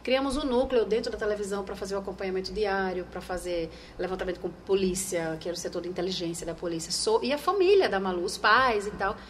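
A woman from Brazil with a Northeastern Brazilian accent, a former TV news anchor telling stories in an interview, animated and acting out remembered voices. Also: medium pitch, fast, few pauses, a little hiss or hum. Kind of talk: conversational interview.

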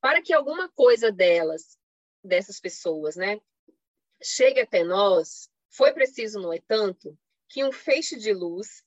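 A woman with a Brazilian Portuguese accent delivers an explanatory, semi-improvised academic lecture with slides, presenting as a panelist over an online live stream. She has a slightly high voice with no echo, and the online call audio is lo-fi and a little dull. She often checks in with short tags and poses rhetorical questions.

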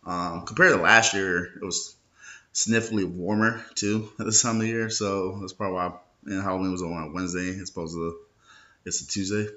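A man's voice: deep voice, steady tone, fairly quick, pushed and bright. A young man talking in a casual, rambling vlog style, hungover, sluggish and loose, with plenty of slang. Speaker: host of a local social media show. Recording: dull lo-fi sound.

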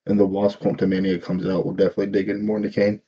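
A man co-hosting a casual podcast, calm and measured, agreeing and weighing in. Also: low-pitched, breathy edge. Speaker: podcast co-host. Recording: dull lo-fi mic.

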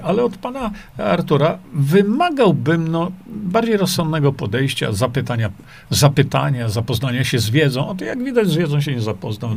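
Reading out viewer comments on his livestream, this middle-aged host brushes them off in rambling replies packed with fillers and repeated rhetorical questions. He speaks on the high side, with vocal fry and a breathy edge.

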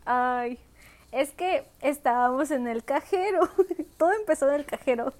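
A woman's voice: high-pitched, measured pace. A woman co-hosting a casual podcast, telling an embarrassing story with lots of acted-out quotes and laughter. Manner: animated, acts out quoted voices, laughs often. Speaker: podcast co-host.

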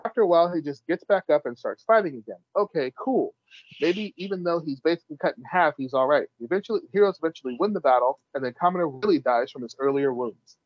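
A man's voice: a little high, expressive, quick pace, few pauses, dry recording. A man co-hosting a casual podcast, reading out list entries and talking bluntly, with a wry edge and casual swearing. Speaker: podcast co-host. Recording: dry, dull lo-fi sound.

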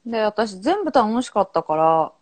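A woman's voice: mid-range voice, big pitch swings, normal speed. A woman guesting on a podcast in casual chat, talking frankly and breezily. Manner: frank, breezy, laughs easily.

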